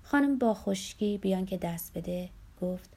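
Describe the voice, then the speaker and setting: A woman reading a first-person novel aloud in a measured storytelling manner. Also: medium pitch, animated, warm tone, slightly rough. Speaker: audiobook narrator. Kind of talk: scripted first-person narration.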